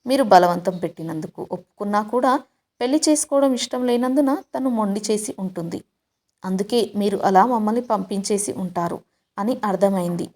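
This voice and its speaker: Woman voicing an elderly grandmother, stern, reproachful, measured, storybook tale. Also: medium pitch, a little mellow, natural voice. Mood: persuasive.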